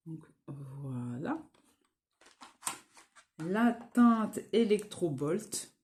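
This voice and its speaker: A woman's voice: low-pitched, darkish tone. A woman vlogging at home, casually showing and swatching makeup, hesitant with many fillers and restarts. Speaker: beauty vlogger. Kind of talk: casual makeup product show-and-tell.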